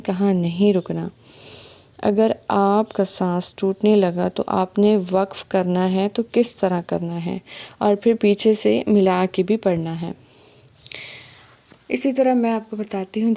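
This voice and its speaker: A woman giving a calm, patient recitation lesson, explaining step by step. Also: mid-range voice. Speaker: Quran recitation teacher.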